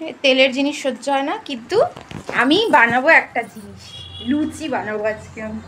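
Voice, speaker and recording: In a noisy home recording filmed on a phone at the family home, a young woman vlogger chats casually with her viewers as if they were friends. Her voice sits high, with a fairly quick pace and a sharp tone.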